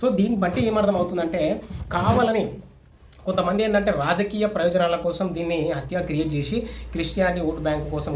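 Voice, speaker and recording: A man giving casual, opinionated spoken news commentary, with many restarts and fillers. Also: fairly high pitch. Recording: echoey room with faint ambient noise.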